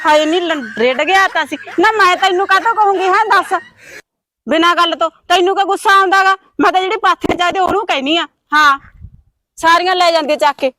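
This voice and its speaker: A woman with a Punjabi accent plays a quarrelsome village daughter-in-law, scolding a neighbour in a fast stream. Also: extremely high pitch, sharp tone, dry recording, clean studio sound. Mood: bickering. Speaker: actor in a village short film.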